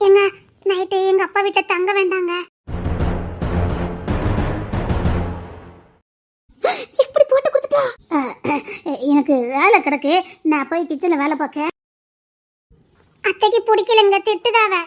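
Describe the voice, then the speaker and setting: A woman playing a young new wife who pleads softly and tearfully in a family drama skit. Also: very high-pitched, lively intonation, normal speed, background noise. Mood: hesitant.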